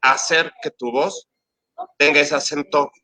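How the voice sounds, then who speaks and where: A man's voice: a little high, steady tone, measured pace, pushed and bright, low-quality recording. A Mexican man hosting an interview, asking long, winding questions and correcting himself as he goes. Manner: rambling, self-correcting questions. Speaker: host.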